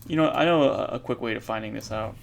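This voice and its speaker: A man thinking aloud while he codes, halting and correcting himself, with many fillers. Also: on the low side, vocal fry, background noise. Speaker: programmer streaming his coding practice. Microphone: earbuds mic.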